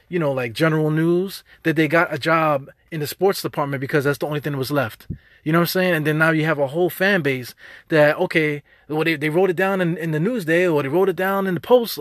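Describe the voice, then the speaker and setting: Worked up and rambling, a New York-accented man hosts a podcast and rants off the cuff about sports, using streetwise slang and repeating himself. His pitch is fairly high, and the studio sound is clean with no echo.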